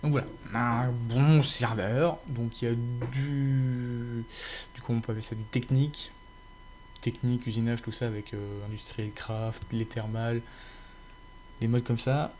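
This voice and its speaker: Homme au débit hésitant, faint hum. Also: male voice, mid-range voice, steady tone, a little slow, a little mellow. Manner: rambling, many fillers and restarts. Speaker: gaming YouTuber. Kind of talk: casual chat to viewers.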